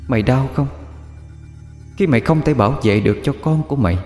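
A man's voice: medium pitch, brisk, darkish tone, faint music behind, pitched above the performer's own voice, natural voice. A man doing an icy, vengeful ghost woman in a reverb hall. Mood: cold mocking. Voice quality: distant, icy, mocking. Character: cold vengeful female ghost mother.

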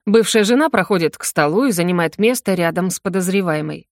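A woman narrating a first-person audiobook in a steady reading voice. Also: on the low side, a little fast, no echo, clean studio sound.

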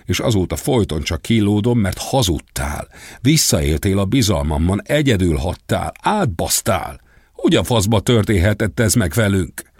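A man voicing a betrayed woman, shouting and cursing bitterly down the phone. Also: deep voice, lively intonation, breathy edge, no echo, clean studio sound. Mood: furious.

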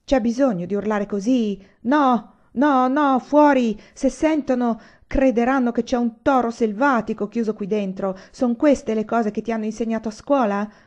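A woman's voice: mid-range voice, mellow, lightly acted. Woman voicing a scolding old widow. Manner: scolding, brisk. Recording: dull lo-fi recording.

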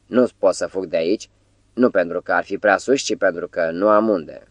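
Man reading an anxious soft-spoken patient, low voice, quiet pleading delivery, audiobook reading. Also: no echo. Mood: uneasy. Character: anxious gentle middle-aged male hospital patient.

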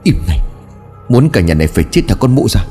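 A man's voice: on the low side, big pitch swings, fast, warm tone, soft background music. A man voicing a domineering, scheming old father who curses and barks orders. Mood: furious. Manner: barking orders, cursing.

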